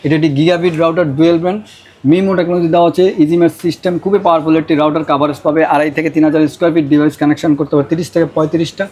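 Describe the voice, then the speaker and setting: Presenting router deals, a high-voiced Bangladeshi salesman speaks fast and keeps hammering on prices and offers. His tone is level and a little mellow.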